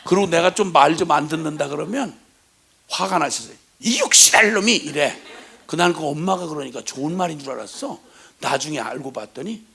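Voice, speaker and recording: Gravelly-voiced man preaching a folksy sermon. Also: on the high side, slight background noise. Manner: storytelling, swings between hushed asides and loud laughing exclamations; mimics his mother's scolding in a shouted voice. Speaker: missionary preacher.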